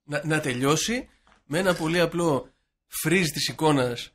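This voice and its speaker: A man's voice: fairly high pitch, a bit bright. A man from Greece co-hosting a podcast, chatting casually with dry, mocking humor. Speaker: podcast co-host. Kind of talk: casual chat.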